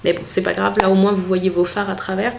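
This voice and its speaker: A woman's voice: medium pitch, flat delivery, fast, vocal fry, noisy background. A young woman chatting casually to camera in a makeup vlog at home, talking with many fillers and restarts. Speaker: beauty vlogger. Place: home room with a desk.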